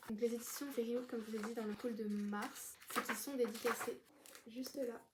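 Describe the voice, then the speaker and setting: A woman's voice: fairly high pitch, fairly even intonation, brisk, over loud music. An eighteen-year-old woman from France chatting casually about her book purchases, rambling with fillers and restarts. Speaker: book vlogger. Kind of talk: casual book haul chat.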